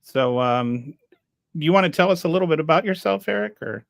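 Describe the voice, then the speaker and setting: A man hosting a podcast, introducing his guest casually and haltingly with filler words. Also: a little high, expressive, gravelly, no echo, studio quality. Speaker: podcast host. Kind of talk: casual interview chat.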